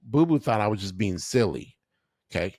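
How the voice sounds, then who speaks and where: A man's voice: on the low side, animated, normal speed, darkish tone, dry recording, clean studio sound. A man in his forties chatting casually as a podcast guest, slangy and laughing often as he tells stories. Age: 40s. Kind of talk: casual storytelling chat.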